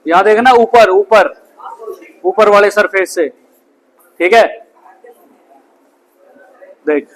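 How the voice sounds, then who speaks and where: A man's voice: high voice, drawn-out words, pauses often, poor audio. A male science teacher giving a classroom physics lesson, asking the class questions and answering them himself, then calling students up one by one. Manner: often ends lines with "bhai"; calls students up one by one to look. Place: school classroom.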